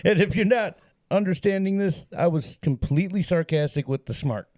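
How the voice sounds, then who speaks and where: A man's voice: sits high, moderate pace, a little mellow. A man co-hosting a casual true-crime podcast, sarcastic and profane, laughing often between points. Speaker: podcast co-host.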